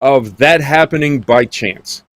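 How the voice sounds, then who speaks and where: A man's voice: mid-range voice, a little slow, no echo. A man hosting a Bible study show, telling folksy jokes and stories in casual chat. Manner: joking storyteller, folksy. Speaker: Bible teacher and show host.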